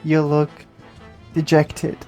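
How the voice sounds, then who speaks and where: Low-pitched, gentle game heroine, soft and measured. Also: female voice, monotone, lo-fi sound, faint music behind. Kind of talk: video game voice acting.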